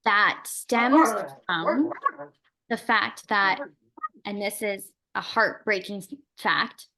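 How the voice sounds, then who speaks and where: A woman co-hosting a podcast in casual conversation. She speaks openly and earnestly in long, winding stretches. Her voice sits at a middle pitch. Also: takes it slowly, pushed and bright. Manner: earnest, open, talks in long rambling runs. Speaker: podcast co-host. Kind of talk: casual chat.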